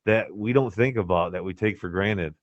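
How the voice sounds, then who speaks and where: Low-voiced stoner dude, slightly dull recording. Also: male voice, moderate pace, dry recording. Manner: swears freely. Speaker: podcast co-host. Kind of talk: casual chat and anecdotes.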